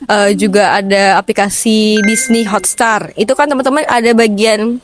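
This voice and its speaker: A woman's voice: medium pitch, steady tone, moderate pace, over music. A young woman from Indonesia co-hosting a casual educational discussion, mixing in English words. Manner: mixes in English words, repeats agreeing words. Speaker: co-host representing English literature studies.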